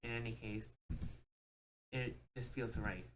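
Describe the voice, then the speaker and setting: A woman's voice: rumbling low, steady tone, a little slow, background noise. A woman hosting a game playthrough, reading the story text aloud with joking asides. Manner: reads dialogue with joking asides. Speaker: let's play host.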